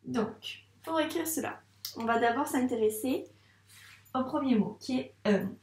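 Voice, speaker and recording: A woman's voice: sits high, darkish tone, roomy sound, distant mic. Patient woman teaching children handwriting. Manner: slow, patient, encouraging, addresses the child directly. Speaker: first-grade teacher. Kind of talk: handwriting lesson for young children.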